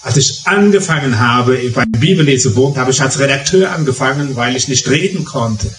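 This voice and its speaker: A man's voice: mid-range voice, animated, normal speed, a bit bright, slight background noise. A middle-aged man from the Palatinate with a Palatinate German accent, preaching a sermon through stories with emphatic repetitions. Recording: echoey hall, distant mic, faint music.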